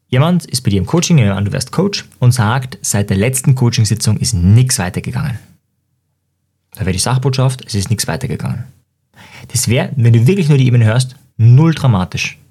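A man's voice: lowish voice, husky. A man hosting a podcast, explaining communication ideas to the listener with examples and joking asides. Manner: lively, uses quick asides and tongue-in-cheek jokes. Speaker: podcast host and coach.

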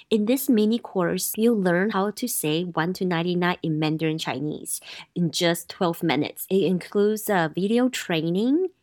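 A woman's voice: medium pitch, dry recording, clean studio sound. A woman hosting a language lesson, spelling out phrases in an instructional way for listeners to repeat. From Taiwan. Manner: instructional, enunciating phrases for repetition. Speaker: podcast host and Mandarin teacher.

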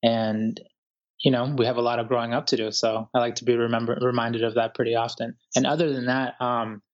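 A man from Ecuador, a writer, talking calmly and thoughtfully in an interview, with many pauses and fillers. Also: mid-range voice, muffled recording. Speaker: guest writer. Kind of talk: reflective interview talk.

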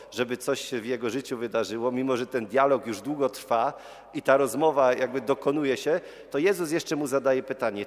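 A priest giving a sermon, telling a Gospel story and acting out the crowd's and the beggar's cries. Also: male voice, mid-range voice. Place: church. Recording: church with long reverb.

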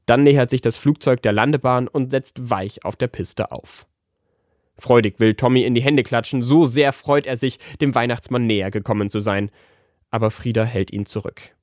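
A man reading a children's story aloud as narrator, with lively storytelling. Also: medium pitch, dry recording, clean studio sound. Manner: lively storytelling, voicing the characters.

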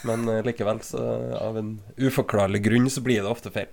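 A man's voice: lowish voice, fairly even intonation, a little mellow. A man, co-hosting a radio show and chatting casually, often laughing, with lots of fillers. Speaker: podcast co-host.

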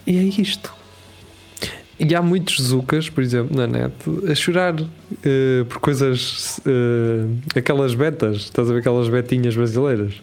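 A man with a European Portuguese accent talks in an easy, casual chat. He is animated and slangy, laughs often and slips into little acted voices. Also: mid-range voice, a little slow.

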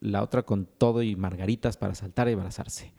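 Guy cohosting a podcast, reads out comments, dark mellow voice. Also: on the low side, fairly even intonation, fairly quick, vocal fry. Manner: reads comments aloud, laughs often. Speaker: podcast co-host reading listener comments. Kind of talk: casual podcast chat.

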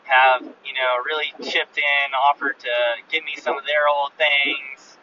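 A man's voice: on the high side, little pitch movement, measured pace. A male podcast host giving a loose, rambling road-journal update full of fillers, recorded on a phone. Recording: muffled phone recording from a distance, faint vehicle noise.

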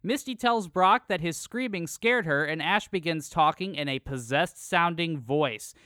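A man's voice: a little high, normal speed, bright, forceful tone, no echo, studio quality. A man co-hosting a podcast, recapping an episode from a script with jokey asides. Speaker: podcast co-host. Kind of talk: casual recap chat.

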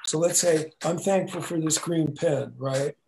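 Podcast guest, male, gravelly, easygoing and rambling, faint hiss under the call audio. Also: on the high side, a little slow. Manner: laid-back, says "dig, man". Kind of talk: casual podcast chat.

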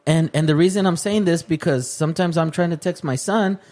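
A man's voice: a little high, brisk, a little mellow. A middle-aged man hosting casual podcast banter, full of bro slang and joking, slipping between English and Spanish. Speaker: podcast host.

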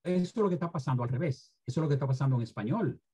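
A man's voice: medium pitch, expressive, racing, over music. A former Spanish teacher being interviewed, a man who speaks emphatically and lectures about careless language use. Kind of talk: interview, opinionated commentary on language.

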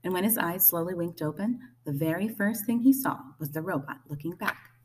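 A woman reading a children's novel aloud with lively, gently expressive storytelling. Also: on the low side, brisk, distant mic, a little hiss or hum, low-quality recording. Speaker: storybook reader.

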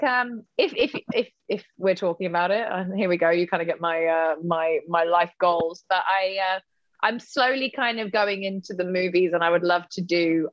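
A woman's voice: on the low side, dry recording, muffled recording. A woman turns of phrase, chatting casually and playfully in a rambling way as an interview guest. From Britain. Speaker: interview guest, model and actress. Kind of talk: casual chat.

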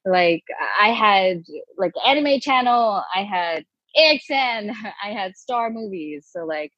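A woman's voice: mid-range voice, lively intonation, slow pace, a bit bright, no room sound, dull audio. A woman from Bangladesh, an actor guest, chatting casually and self-deprecatingly with lots of fillers. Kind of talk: casual interview chat.

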